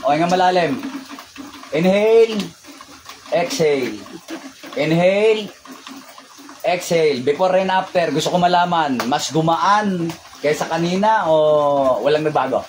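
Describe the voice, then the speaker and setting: A man's voice: on the high side, normal speed, slight background noise, rough recording. A man leading a healing ritual, giving commands and chanting prayers. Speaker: faith healer.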